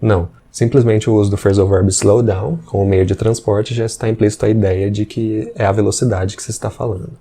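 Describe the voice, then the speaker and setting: A man, teaching English patiently and slowly repeating examples. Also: on the low side, fairly even intonation, warm tone, breathy edge. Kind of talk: explanatory language lesson.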